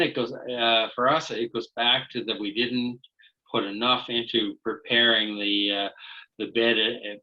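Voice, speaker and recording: A man talks haltingly over a video call, his speech full of fillers and restarts. His voice is very bright and forceful. The audio is dull and lo-fi, as calls tend to be. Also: on the low side. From Canada. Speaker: guest speaker. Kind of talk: webinar talk.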